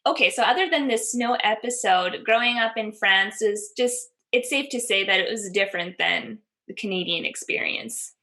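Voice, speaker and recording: A woman's voice: mid-range voice, normal speed, hardly any pauses, pushed and bright. A woman hosting an interview podcast, welcoming her guest and asking friendly, encouraging questions. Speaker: podcast host.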